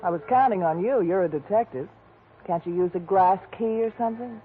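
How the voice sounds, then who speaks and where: An actress playing an anxious, pleading femme fatale in a melodramatic 1940s radio detective drama. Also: female voice, medium pitch, brisk, faint music behind, close to an everyday voice. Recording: tinny, faintly noisy 1940s radio recording.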